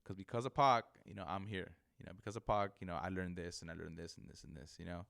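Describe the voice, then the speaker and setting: A barber appearing as a podcast guest chats earnestly and casually, lisping because of missing front teeth. His low voice has vocal fry, a fairly bright tone, and fairly even intonation, and he halts often, repeating words and saying "you know" a lot.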